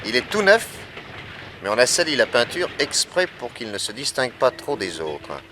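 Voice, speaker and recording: An actor playing Nick Carter, a calm and shrewd middle-aged detective, in a French radio drama, reasoning aloud in a measured way. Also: male voice, mid-range voice, background noise, close to an everyday voice.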